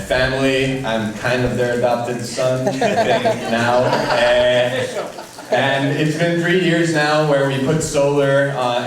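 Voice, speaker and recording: A man's voice: medium pitch, a little hiss or hum. Young man from Puerto Rico, echoey and distant. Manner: friendly, laughing at himself. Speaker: charity representative. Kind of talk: speech at a charity event. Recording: echoey, far from the mic.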